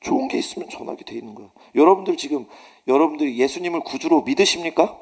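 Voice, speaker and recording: A middle-aged male pastor giving a sermon, telling stories with animated delivery and acting out shouted quotes. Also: fairly high pitch, fast talker, slightly rough.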